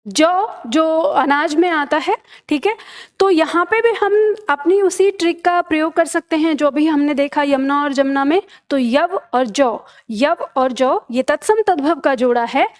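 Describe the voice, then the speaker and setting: A woman's voice: sits high, a little slow. A woman teaching a Hindi grammar lesson for exam preparation, patiently explaining and repeating each word pair.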